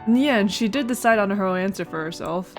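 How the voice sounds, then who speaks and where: A fast-talking woman with a medium-pitched voice hosts a casual let's play, reading a visual novel aloud. She adds playful asides and stumbles over words while music plays behind her.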